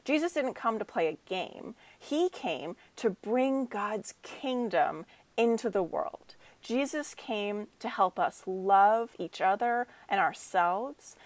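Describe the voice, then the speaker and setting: A young woman, a children's minister, telling a lively story to children in a chapel talk. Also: medium pitch, no echo.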